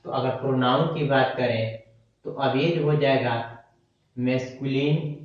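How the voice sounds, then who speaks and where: A man teaching a grammar lesson, who repeats words slowly as he writes them on a board. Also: mid-range voice, steady tone. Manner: slow, repeats terms while writing on a board. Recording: dull echoey room, mic far off.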